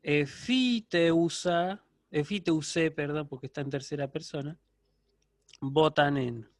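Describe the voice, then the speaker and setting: A man's voice: on the high side, steady tone, unhurried, no room sound. A man giving a university lecture online, explaining step by step and checking in with his students. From Argentina.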